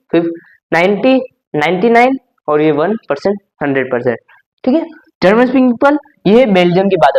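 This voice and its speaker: A man's voice: sits high, a little mellow, low-quality recording. A young man teaching a class lesson, explaining step by step, repeating himself and saying "okay" often.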